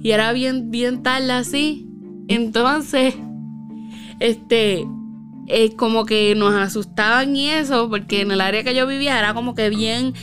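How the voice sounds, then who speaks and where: A woman casually telling a spooky personal story, with lots of fillers and tag questions. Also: fairly high pitch.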